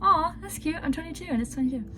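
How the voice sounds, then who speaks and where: Young woman YouTube reactor, higher voice, gushing and giggly, rambles excitedly. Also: quick pace, soft background music. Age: 20s.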